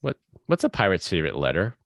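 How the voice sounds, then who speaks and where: A man with a very deep voice, recorded dry with no room sound. He trades jokes casually as a podcast co-host. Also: wildly swooping pitch, fast, gravelly, fairly bright tone, no echo. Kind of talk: casual joke-telling banter.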